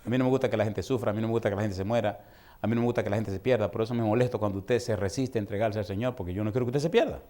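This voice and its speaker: A man preaching a sermon as pastor, telling a story and swinging from low murmurs to loud, high outbursts. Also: racing. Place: church.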